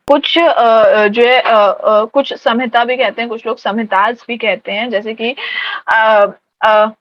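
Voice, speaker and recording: A woman's voice: fairly high pitch, no echo, lo-fi sound. A woman teacher giving an exam-prep lecture, mixing Hindi and English terms, hesitating and restarting often.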